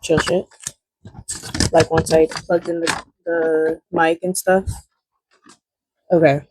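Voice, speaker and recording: A woman's voice: sits low, little pitch movement, slow. A woman vlogging casually at home, chatty and rambling, through a small wireless clip-on mic whose noise reduction leaves processing artifacts. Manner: chatty, rambling, lots of fillers. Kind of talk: casual chat to camera. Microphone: wireless clip-on mic plugged into a phone.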